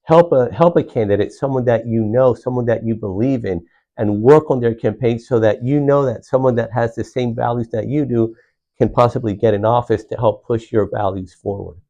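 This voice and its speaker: This county commissioner from Puerto Rico, a middle-aged man, speaks in a mellow mid-range voice at a moderate pace over lo-fi audio. Answering interview questions earnestly, he often restarts phrases with "uh" and repeats words.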